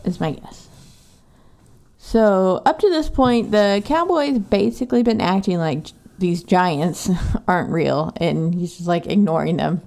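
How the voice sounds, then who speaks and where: A woman from Texas, chatting through a book recap in a casual podcast. Her voice is mellow and dark, and she swears freely and sarcastically. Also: fairly low pitch, unhurried, vocal fry. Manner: profane, sarcastic. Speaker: podcast co-host.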